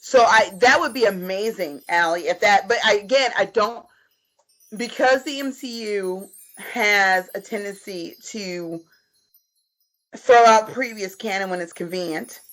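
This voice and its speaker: A woman's voice: medium pitch, unhurried, fairly bright tone, poor audio. A woman talking casually about film and TV on a video call, emphatic and repeating herself for stress. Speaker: podcast panelist. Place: indoors at home on a video call.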